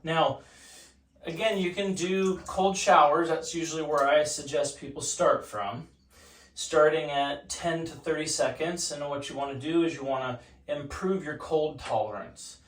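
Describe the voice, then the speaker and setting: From a home bathtub full of ice cold water, a man gives a casual, instructive talk to the camera about ice baths. His fairly high voice is fairly even in intonation at a measured pace, recorded far from the mic in an echoey bathroom with water noise.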